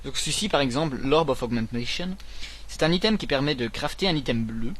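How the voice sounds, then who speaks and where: A man's voice: mid-range voice, animated, a little fast, fairly bright tone. A man co-hosting a gaming video, casually explaining game mechanics between jokes and banter. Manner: explains game mechanics while joking around. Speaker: gaming channel co-host. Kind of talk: casual let's-play commentary.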